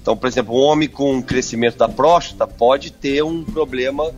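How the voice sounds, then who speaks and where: A man's voice: medium pitch, fairly even intonation, darkish tone, soft background music. A man answering radio interview questions as a urologist, talking over a landline phone and often stopping and restarting. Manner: halting, many filler sounds and restarts. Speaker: urologist guest. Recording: dull lo-fi phone line.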